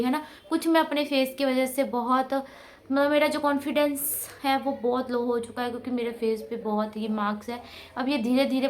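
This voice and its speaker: A woman in her thirties chatting casually at home for her vlog, talking into a clip-on mic in a rambling, chatty way. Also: high voice. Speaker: vlogger. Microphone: clip-on mic close to mouth.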